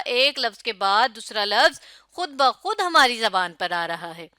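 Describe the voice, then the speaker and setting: A woman teacher in a recorded lecture, her voice a little high, bright and smooth. She reads example sentences aloud and recites verse slowly, drawing out each line, then explains. The sound is close and dry. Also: no room sound. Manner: slow, drawn-out recitation of verse. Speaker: Urdu teacher.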